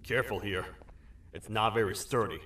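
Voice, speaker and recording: A man voicing a gruff, dutiful toad sheriff in a video game, with a stern, wry, folksy lawman manner. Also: lowish voice, moderate pace, fairly bright tone, far from the mic, a little hiss or hum, close to an everyday voice. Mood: gruff, wary. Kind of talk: video game character acting.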